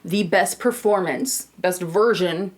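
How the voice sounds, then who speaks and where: A woman's voice: fairly low pitch, takes it slowly. A woman vlogger talking about music, chatty and emotional, reading excerpts aloud. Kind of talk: vlog commentary with readings.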